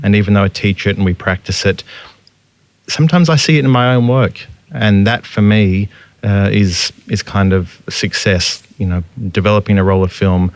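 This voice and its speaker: Heard in a dry recording, a man with a deep voice talks reflectively in an interview. He works as a photographer and educator, and he hunts for the right words, restarting his sentences frequently.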